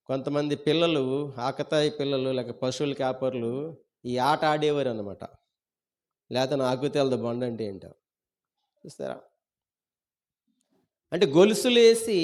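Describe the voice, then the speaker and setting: A male pastor with a Telugu accent preaching a sermon, asking the congregation questions and repeating key phrases. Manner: rises loud on key words, then drops low at line ends.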